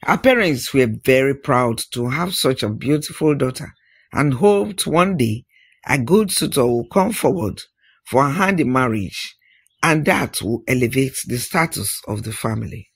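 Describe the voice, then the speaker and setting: Telling an African folktale, a male oral storyteller speaks in a husky, expressive, medium-pitched voice, shaping the tale with dramatic phrasing, pauses, and musing interjections.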